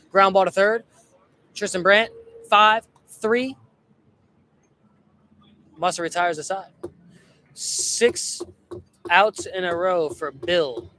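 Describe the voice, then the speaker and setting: A young man calling amateur baseball play-by-play in a relaxed, chatty way, often correcting himself. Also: a little high, slight background noise. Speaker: play-by-play announcer.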